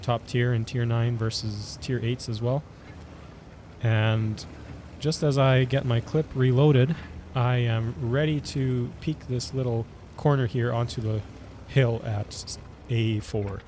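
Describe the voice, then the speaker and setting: A man with a scratchy voice from a cold, hosting casual commentary over his own tank gameplay and calmly explaining his tactics. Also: medium pitch, takes it slowly. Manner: relaxed, explaining tactics as he plays. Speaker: gaming channel host.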